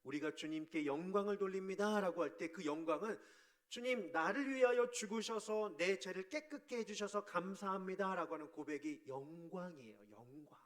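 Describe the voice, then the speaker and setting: A man preaching as a pastor, asking his congregation questions, sometimes shouting out quoted voices and sometimes dropping to a soft murmur. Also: high voice, moderate pace. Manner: animated, acts out quoted voices with sudden shouts; drops to a soft near-murmur on key words. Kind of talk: sermon.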